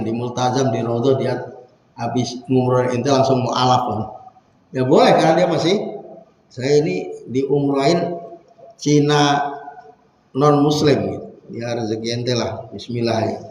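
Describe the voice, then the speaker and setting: A man preaching in a big mosque hall, his voice sitting high and ringing in a long, heavy echo. He switches between lively talk, acted-out quotes and chanted Arabic verses, with a faint hum behind him. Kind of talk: mosque sermon.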